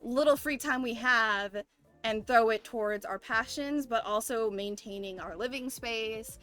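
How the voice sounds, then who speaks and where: A young woman with a bright, fairly high voice shares things casually on a group stream. She sounds earnest and reflective as she talks, with music playing faintly behind her. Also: a little slow. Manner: earnest, reflective storytelling with frequent 'like'. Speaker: member of a streamer group of artists. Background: background music.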